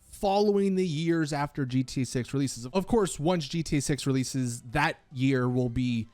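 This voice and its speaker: Music plays beneath this host's dry, echo-free voice as he offers gaming news commentary. He speaks in a mid-range, darkish tone at a moderate pace, explaining things emphatically yet casually.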